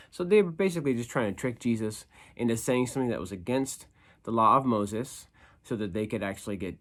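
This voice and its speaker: Upbeat, casual male youth pastor. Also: on the low side. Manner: conversational, slangy, with emphatic repetition. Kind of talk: informal youth devotional talk with scripture reading.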